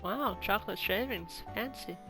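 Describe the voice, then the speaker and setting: A woman's voice: medium pitch, normal speed, creaky. A woman giving casual, playful, reactive commentary while playing a video game. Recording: game music behind the voice.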